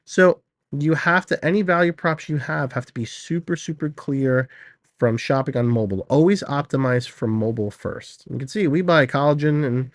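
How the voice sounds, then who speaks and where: A man's voice: mid-range voice, moderate pace, no room sound. A man hosting a casual screen-share product teardown, chatting straight to viewers while sick and a little out of breath. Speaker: host.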